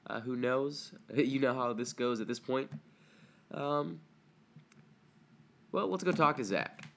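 A man's voice: mid-range voice, slow pace, creaky, a bit bright. A young man hosting a casual podcast, his voice stuffy from a cold, talking loosely with lots of ums and uhs. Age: young adult. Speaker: podcast host. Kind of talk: casual solo podcast chat.

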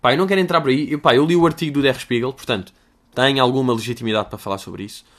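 A man's voice: mid-range voice, very fast, a bit bright. A young man with a European Portuguese accent, answering listener questions in a rambling, crude, jokey comedic monologue.

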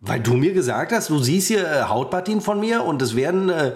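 A man's voice: fairly high pitch, big pitch swings, brisk. A man co-hosting a podcast, blocked up after Covid, with teasing, mock-indignant banter. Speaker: podcast co-host.

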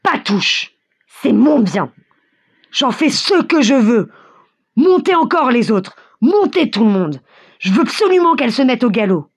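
Brief: woman reader doing a raging drunk peasant man, shrill, husky. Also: very animated, unhurried, exaggerated voice. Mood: drunken rage. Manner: shrill yelling. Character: drunk, furious male peasant cart owner.

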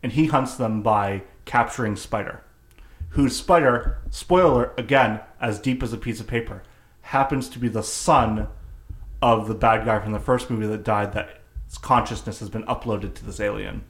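A man casually recapping a movie plot for his co-hosts, jokey and animated, acting out characters' lines and swearing freely. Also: fairly low pitch, normal speed. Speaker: podcast co-host recapping a film. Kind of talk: casual comedic chat.

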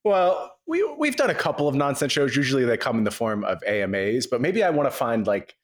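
A man chatting as a podcast co-host, recorded on an old microphone in a large high-ceilinged wooden kitchen that makes him sound echoey. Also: very animated, fairly quick. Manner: chatty, playful complaining. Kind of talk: casual podcast chat.

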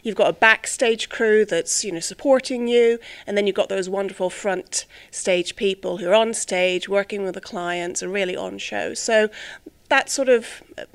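A woman's voice: mid-range voice, normal speed, smooth. A middle-aged woman born in England and raised in the United States, chatting as a podcast guest and explaining things with frequent hesitant fillers. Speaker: company employee, guest. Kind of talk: casual podcast interview.

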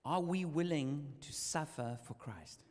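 Man, preacher, sermon, dramatic storytelling, slightly high voice, long hall reverb. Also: slow pace, darkish tone. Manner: dramatic storytelling, rising and falling with the tale. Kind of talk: sermon with live interpreter.

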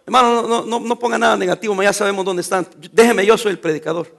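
Male pastor, high bright voice, emphatic sermon delivery with call-and-response and teasing asides. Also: fairly even intonation, quick pace, vocal fry. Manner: emphatic preaching, call-and-response questions to the congregation.

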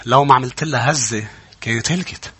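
A male pastor with a Lebanese Arabic accent preaching a sermon, building from conversational teaching to impassioned shouting. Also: medium pitch, fast, husky.

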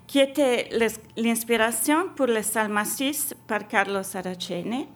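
Woman, foreign in French, higher-pitched voice, slow pace, careful scripted lecture reading, small stumbles. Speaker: exhibition curator giving a lecture. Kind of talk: scripted academic lecture, read aloud.

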